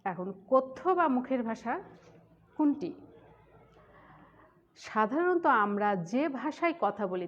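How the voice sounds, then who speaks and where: Woman teacher explaining grammar, muffled. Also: mid-range voice. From Khulna region of Bangladesh. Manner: explains step by step, repeats points, asks the class questions. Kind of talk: classroom grammar lesson. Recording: dull, muffled lo-fi sound.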